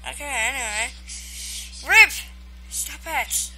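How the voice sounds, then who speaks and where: Excitable woman gamer, high bright voice, live play commentary. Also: slow, faint music behind, rough recording. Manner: excitable, yelling and laughing at the game.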